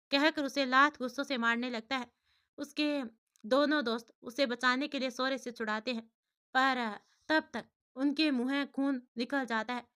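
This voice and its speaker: A woman's voice: sits high, a bit bright, clear, resonant tone. A woman narrating a family story as a storyteller, reading steadily.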